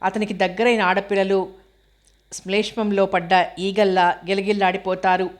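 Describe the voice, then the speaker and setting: A woman's voice: mid-range voice, little pitch movement, normal speed, natural voice. A woman voicing a teasing, worldly young woman. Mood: teasing warning.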